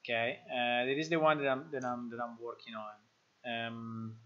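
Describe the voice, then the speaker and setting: A man's voice: medium pitch, little pitch movement, normal speed, pushed and bright. A man from Italy with an Italian accent, chatting casually while building a game live, thinking aloud with frequent fillers and restarts. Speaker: game developer streaming live. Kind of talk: casual live-stream coding chat. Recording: dull lo-fi stream audio.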